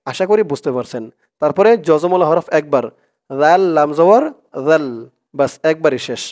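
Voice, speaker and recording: A man teaching Quran reading, who spells out each word letter by letter and then chants the verses slowly. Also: fairly high pitch, animated, a little mellow. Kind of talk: spelling lesson with recited verses.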